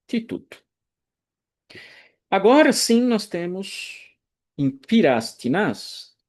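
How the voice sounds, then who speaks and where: A man teaching Greek grammar in a recorded online lecture, explaining slowly and deliberately, pausing and correcting himself as he goes. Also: fairly high pitch, slightly rough. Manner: slow, deliberate explaining with pauses and self-corrections.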